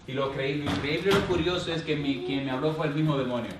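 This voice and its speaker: A man's voice: a little high, fast talker, background noise. Male pastor preaching in a church, sound from a distant mic, echoey hall. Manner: call-and-response questions, drops to a hushed voice in the story. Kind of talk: sermon.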